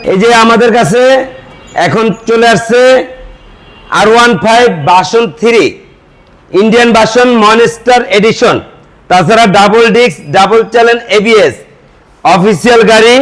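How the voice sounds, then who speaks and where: High-voiced Bangladeshi used-bike salesman. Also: a bit bright, low-quality recording. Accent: Bangladeshi Bengali. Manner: salesman's patter, listing features and prices item by item. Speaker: used motorbike seller. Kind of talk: showroom sales pitch.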